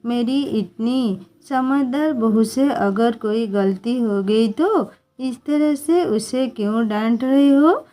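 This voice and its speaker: Storybook role: kindly father-in-law, as a woman reads him, calm and gentle, unhurried. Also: fairly high pitch. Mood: patient. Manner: gentle, patient.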